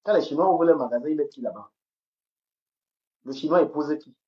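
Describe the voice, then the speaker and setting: A woman's voice: low voice, a little fast, muffled recording. Heated woman ranting on a phone live. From Cameroon. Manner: heated, repetitive, stammers on words. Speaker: livestream host. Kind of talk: angry livestream rant. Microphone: phone camera.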